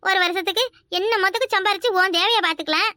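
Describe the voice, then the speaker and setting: A woman's voice: very high voice, fast talker, sharp tone, no echo, studio quality. A woman voicing a scolding, complaining older sister and housewife in a cartoon, with a Kanyakumari Tamil accent.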